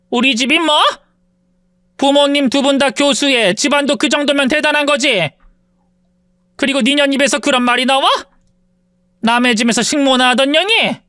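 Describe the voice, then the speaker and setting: A woman voicing an arrogant, spiteful rich middle-aged woman who bullies and insults in an audio story, in a dry close recording. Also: dry recording. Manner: sneering, insulting, shrill when shouting.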